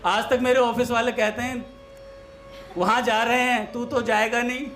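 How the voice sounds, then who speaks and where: A man's voice: very high voice, flat delivery, normal speed, a bit bright, faint music behind. A man giving a devotional talk in a storytelling manner, mixing everyday anecdotes with a funny tale of lisping brothers. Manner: storytelling, mimics lisping voices for comic effect. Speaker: satsang speaker.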